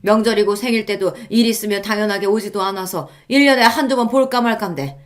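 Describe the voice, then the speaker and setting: A woman voicing a stern elderly father-in-law who scolds his family in a firm, measured way. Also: on the low side, fairly even intonation, close to an everyday voice. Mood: scolding.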